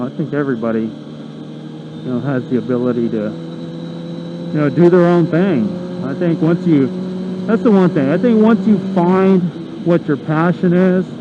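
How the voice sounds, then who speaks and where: A middle-aged American man rambling casually to himself in a motovlog, talking from inside a motorcycle helmet. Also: on the high side. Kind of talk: casual rambling vlog monologue. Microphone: helmet microphone. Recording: muffled helmet mic, loud road and engine noise. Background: vehicle and wind noise.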